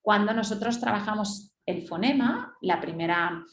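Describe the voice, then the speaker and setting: A woman lectures in a webinar at a middle pitch, laying out her points one by one. She often checks in with her listeners with a quick question. Her voice carries a clear echo from the room around her. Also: animated, fairly bright tone. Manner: explains step by step, checks in with rhetorical "¿sí?". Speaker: teacher leading a webinar. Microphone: webinar computer mic.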